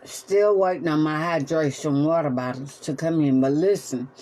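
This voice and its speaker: A woman's voice: deep voice, normal speed, dark tone. A woman mukbang vlogger talking to camera from her room as she eats, giving preachy advice with religious asides. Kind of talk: casual talk to camera while eating.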